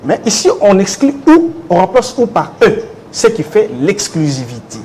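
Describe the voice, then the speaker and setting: A man's voice: high voice, very animated, normal speed, a little mellow, slight background noise. A man from the Democratic Republic of the Congo, answering interview questions insistently with rhetorical questions. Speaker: interviewee, legal commentator.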